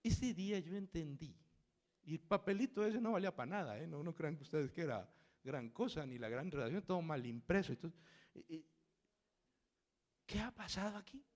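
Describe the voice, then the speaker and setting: Casting note: man, storytelling preacher, lively swooping delivery, fairly high voice. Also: normal speed. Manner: animated, dramatic storyteller acting out voices. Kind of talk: storytelling sermon.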